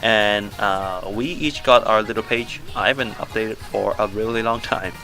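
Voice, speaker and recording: A man's voice: on the low side, moderate pace, pushed and bright, faint music behind. A young man from Canada co-hosting a podcast, joking in upbeat, rambling casual chat from a small home studio. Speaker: podcast co-host.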